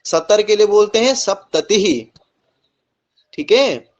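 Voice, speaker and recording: A man teaching Sanskrit numbers in an online coaching class, reciting slowly and deliberately and often checking in with his students. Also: high voice, animated. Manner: slow, deliberate recitation with frequent "ठीक है?" checks. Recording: slightly dull lo-fi recording.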